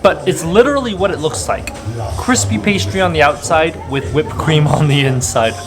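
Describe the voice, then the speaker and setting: A man's voice: fairly high pitch, expressive, normal speed, over music. A man vlogging a casual food review, rapturous as he tastes, speaking emphatically with repeated intensifiers. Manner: rapturous, savoring food tasting reactions. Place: busy market and eateries.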